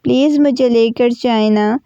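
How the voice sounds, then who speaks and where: A woman's voice: a little high, vocal fry, warm tone, smooth, no echo, lo-fi sound. A woman voicing a young new mother who keeps pleading tearfully in a storybook reading. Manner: pleading, insistent.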